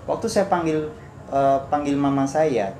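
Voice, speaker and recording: A man giving a personal testimony in conversation, telling it earnestly and acting out his own shouts. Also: fairly high pitch, measured pace. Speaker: guest sharing a testimony. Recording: echoey room with background noise.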